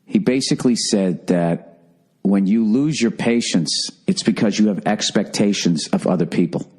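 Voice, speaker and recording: A middle-aged American man hosts a podcast on his own, launching into a profane, exasperated comedy rant. His voice sits on the low side with a darkish, slightly rough tone, moving at normal speed.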